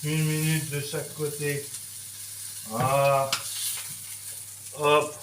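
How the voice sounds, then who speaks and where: Man from France, cooking lesson, slow delivery, echoey kitchen, faint sizzling. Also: a little high, little pitch movement, background noise. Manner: chatty, lots of "hein" and "voilà", sound effects. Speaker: cooking teacher. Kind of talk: casual cooking demonstration. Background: frying and sizzling.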